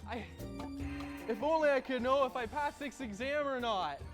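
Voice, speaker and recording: An actor playing a student customer in a parody infomercial testimonial. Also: male voice, high-pitched, moderate pace, music in the background, lightly acted. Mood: anxious. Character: stressed student giving an ad testimonial.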